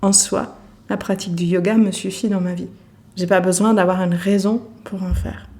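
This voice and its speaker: A woman yoga teacher hosting her podcast, speaking gently and thoughtfully with frequent hesitations and soft laughs. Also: mid-range voice. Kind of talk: reflective podcast monologue.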